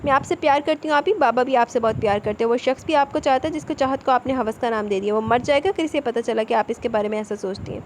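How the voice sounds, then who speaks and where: A woman voicing a gentle younger sister who tries to calm her older sister. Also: on the high side, hardly any pauses, a little hiss or hum, lightly acted. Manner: soft, coaxing.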